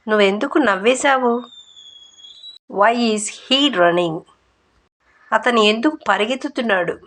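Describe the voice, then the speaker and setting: Slow, deliberate woman reading drills. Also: on the high side, fairly bright tone. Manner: reads each English sentence very slowly, then the Telugu translation at normal speed. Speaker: language teacher.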